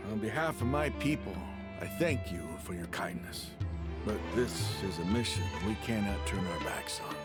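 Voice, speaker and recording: An actor playing a proud, resolute desert warrior leader in a video game, speaking in an earnest, declamatory way. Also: male voice, on the low side, expressive, normal speed, over loud music, natural voice. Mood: earnest, impassioned.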